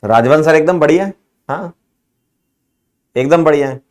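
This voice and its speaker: A man's voice: a little high, normal speed, a little mellow. A male chemistry teacher wrapping up an online lecture, chatting casually and joking with his students, laughing often. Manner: playful, joking, laughs often, calls students 'beta' and 'bhai'.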